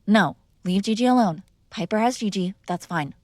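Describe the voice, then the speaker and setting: This scripted ASMR girlfriend roleplay features a young woman as a mob boss's daughter, defiant and sarcastic as she argues with her father. Her medium-pitched voice is animated and darkish in tone at a moderate pace. It's studio quality, with no room sound.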